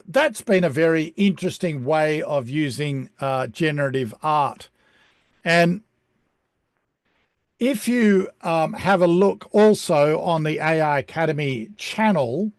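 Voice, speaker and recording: Chatty man on a video call, somewhat high. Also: no room sound, clean studio sound. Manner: relaxed, chatty, frequent ums. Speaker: online course presenter. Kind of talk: casual explanatory talk on a video call.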